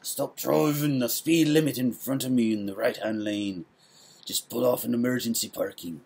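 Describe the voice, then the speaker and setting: A man voicing a grumpy, impatient male driver with an Irish accent, grumbling gruffly. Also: mid-range voice, normal speed, darkish tone, pitched above the performer's own voice.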